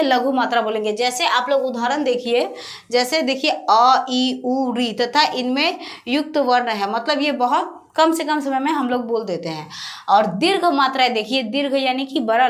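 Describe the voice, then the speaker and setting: A woman teaching Hindi grammar over slides, repeating key points and answering her own questions as she goes. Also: high voice. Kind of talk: classroom-style explanation over slides.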